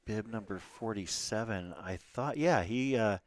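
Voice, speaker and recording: A man's voice, low and clean, recorded dry and close with no room sound. He commentates a live stream in a loose, chatty way. He keeps stumbling into fillers and restarts. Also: animated, measured pace, no echo. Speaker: livestream race commentator.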